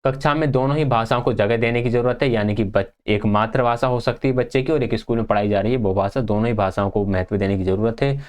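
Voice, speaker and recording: A man's voice: mid-range voice, fast, hardly any pauses, a little mellow, clear, resonant tone. A young man teaching an exam-prep lecture, reading notes aloud and then explaining them in a casual way.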